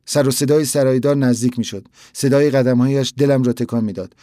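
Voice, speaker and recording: A man reading a story aloud in a measured, plain narrating manner. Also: medium pitch, a little mellow, dry recording, clean studio sound.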